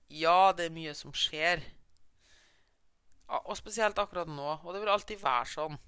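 Upbeat podcast host, relaxed encouraging pep talk, clean dry close-miked sound. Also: mid-range voice, clear, resonant tone, no echo. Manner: casual, encouraging, sprinkles in English slang. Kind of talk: motivational podcast monologue.

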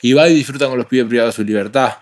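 A man's voice: medium pitch, rapid-fire, a little hiss or hum. Young Uruguayan man telling street stories. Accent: Uruguayan Spanish. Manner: animated street slang storytelling, acts out others' voices. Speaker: rapper guest. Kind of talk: casual interview storytelling.

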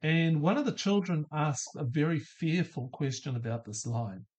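A man's voice: a little high, normal speed, darkish tone, breathy edge, dull audio. A middle-aged man hosting a solo podcast, talking through ideas thoughtfully and asking the listener questions. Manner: thoughtful, asks questions, light laughs. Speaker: podcast host. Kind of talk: reflective solo monologue.

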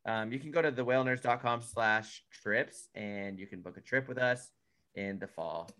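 A man's voice: fairly low pitch, moderate pace, fairly bright tone. A young man with a New England accent co-hosting a podcast, laid-back and slangy. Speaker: podcast co-host, boat owner. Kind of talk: casual podcast chat.

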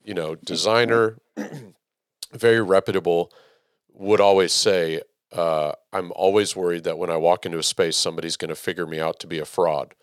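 A man hosting a casual interview, talking in a measured, even way that he calls monotone himself. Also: low-pitched, no echo, clean studio sound. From Texas. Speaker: podcast host, theater educator.

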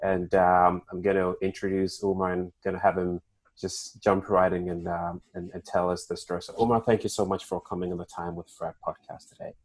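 A man hosting a podcast who introduces a guest and asks questions in a measured way with many filler pauses. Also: low voice, little pitch movement, rough recording. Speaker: podcast host.

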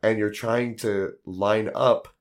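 Hoarse, low-voiced man podcasting. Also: fairly even intonation, slow. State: hoarse, worn-out voice from yelling at a convention. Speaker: board game podcast host. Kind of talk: casual podcast chat.

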